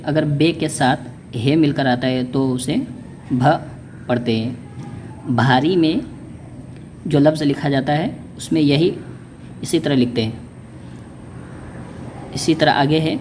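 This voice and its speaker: Slow, patient man teaching letter sounds. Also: fairly high pitch, darkish tone, slight background noise. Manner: repeats "ठीक है" to check understanding. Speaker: Urdu teacher. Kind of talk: spoken lesson on reading Urdu letters.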